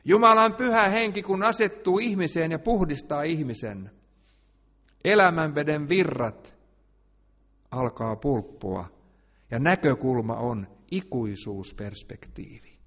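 A man preaching a sermon, swinging between quiet, hushed asides and loud, emphatic declarations. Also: fairly high pitch, lively intonation, in a large hall.

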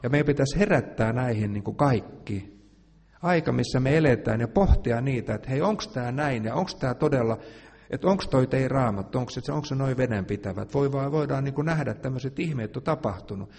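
A man preaching a sermon, swinging between quiet, hushed asides and loud, emphatic declarations. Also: mid-range voice, husky, long reverb tail.

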